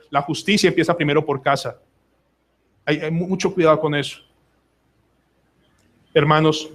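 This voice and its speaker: A pastor delivers an emphatic sermon at a church service. His voice sits fairly high for a man. He slips into quoted voices and pleading prayers as he preaches. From Colombia.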